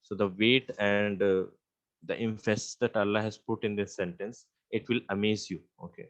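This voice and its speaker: In this lesson on Arabic grammar, a man works through the material step by step, often pausing, using fillers, and reciting Arabic phrases. His voice sits on the low side, and the recording has its highs cut off.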